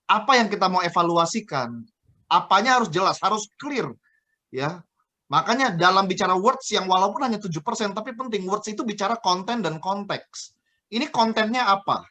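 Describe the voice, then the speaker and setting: A man, a guest trainer on a radio talk show, explaining communication with lively examples. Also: sits high. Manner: lively explaining, acts out scolding boss voices.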